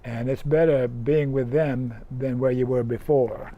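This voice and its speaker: A man's voice: medium pitch, steady tone, unhurried, dull audio. A man hosting an interview, asking questions in a friendly, encouraging way with short responses. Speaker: interview host. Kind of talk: casual interview.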